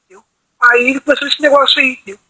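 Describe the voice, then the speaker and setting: High-voiced guy on a video call, talks fast and rambly, bright husky sound, dry room. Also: level tone, no room sound, rough recording. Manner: rambling, repeats "entendeu?" constantly. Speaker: meeting participant. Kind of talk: personal account on a video call.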